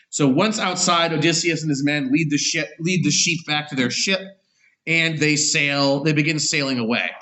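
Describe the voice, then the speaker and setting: Bright-voiced male teacher, halting. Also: fairly high pitch. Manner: unscripted, many "uh" and "um" fillers, self-corrections. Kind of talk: online class lecture, summarizing a story.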